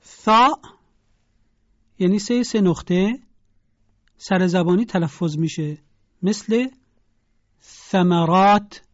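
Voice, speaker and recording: A Quran pronunciation teacher giving a broadcast lesson, spelling out sounds slowly and deliberately for listeners to repeat. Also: mid-range voice, warm tone, no room sound, muffled recording.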